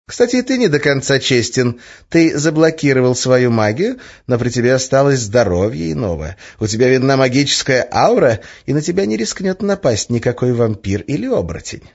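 A man's voice: medium pitch, very animated, fairly quick, vocal fry, a little mellow, husky, voice pushed up, exaggerated voice. A man voicing a playful, sly young witch woman in an audiobook, teasing and coaxing in a lilting tone. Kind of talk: audiobook character voice. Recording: slightly muffled lo-fi recording.

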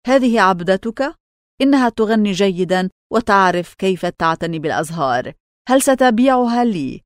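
A woman's voice: medium pitch, animated, normal speed, no room sound, studio quality, natural voice. A woman playing a kind, protective, rich young man in a storybook reading, speaking in an earnest, emphatic way. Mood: eager.

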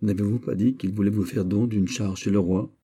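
A man reading an audiobook voices a lively young count of the royal court, bantering and exclamatory. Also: lowish voice, brisk, breathy edge.

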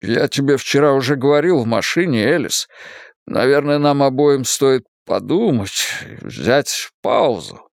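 A man's voice: sits high, sing-song, moderate pace, a bit bright, no echo, clean studio sound, pitched above the performer's own voice. A male reader voicing an irritable, debt-ridden middle-aged man who snaps and then turns guarded. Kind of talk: audiobook character voice.

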